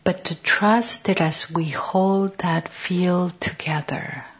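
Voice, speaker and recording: A woman giving a gentle contemplative teaching on prayer, speaking softly and often half-whispered in short, halting phrases. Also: on the low side. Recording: dull lo-fi recording.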